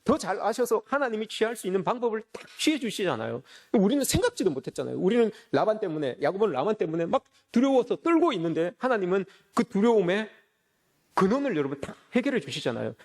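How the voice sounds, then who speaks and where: A male pastor delivers a sermon in a high, lively voice that swings up and down, and he keeps up a quick pace. He is earnest and emphatic and often turns to call out to his listeners.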